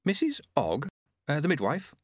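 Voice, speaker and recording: Guy playing a calm direct young woman, bit higher, dry sound. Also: moderate pace, no room sound.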